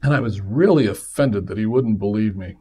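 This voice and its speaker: Man telling a lively personal story. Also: lowish voice, fairly quick, slightly rough. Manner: lively, acts out quoted voices in his stories. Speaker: podcast host.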